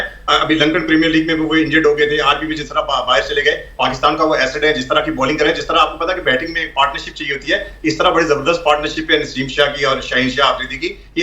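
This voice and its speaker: A man talks fast and sharp over a remote call that keeps breaking up. He sounds echoey and set back from the mic, and he presses the same point again and again. The line cuts in and out as he talks. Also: a little high, dull audio. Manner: quick, insistent, repeats his point. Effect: voice breaking up over a choppy remote call line. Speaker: remote panelist. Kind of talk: cricket discussion on a talk show.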